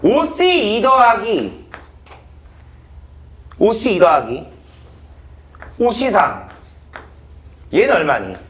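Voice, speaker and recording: A man's voice: sits high, big pitch swings, very slow, long pauses. A male math teacher giving a classroom lecture, blunt and swearing casually as he quizzes students.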